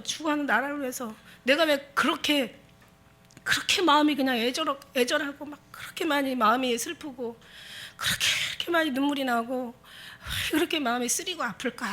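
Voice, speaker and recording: A woman's voice: sits high, a bit bright. A woman pastor preaching a Sunday sermon, impassioned and exhorting her congregation with emphatic repetition.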